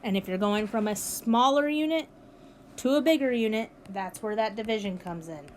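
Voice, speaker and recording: A woman's voice: mid-range voice, moderate pace, a little hiss or hum. A woman teacher recording a math lesson for her students, upbeat and encouraging as she walks them through each step. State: has the hiccups. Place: at home with her dog nearby.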